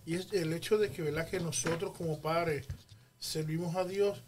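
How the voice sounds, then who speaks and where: High-voiced man making an emphatic point. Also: fairly even intonation, moderate pace, darkish tone, slight background noise. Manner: emphatic, teaching tone, uses homely comparisons. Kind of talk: casual church podcast talk.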